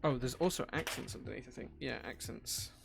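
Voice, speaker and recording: A man's voice: medium pitch, brisk, vocal fry, over music. A man hosting a live stream, chatting casually, reading out viewer chat and thanking people as he works. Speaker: livestream host building keyboards.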